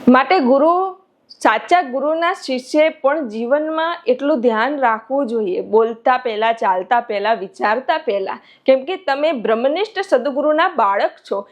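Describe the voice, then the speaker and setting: Earnest woman telling a devotional story. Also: sits high. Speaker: spiritual teacher. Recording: dull lo-fi recording.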